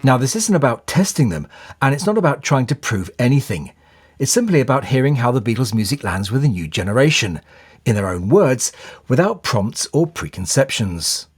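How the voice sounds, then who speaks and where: A man hosting and narrating a video in a measured, scripted way. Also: medium pitch, very animated, slightly rough, soft background music. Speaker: host.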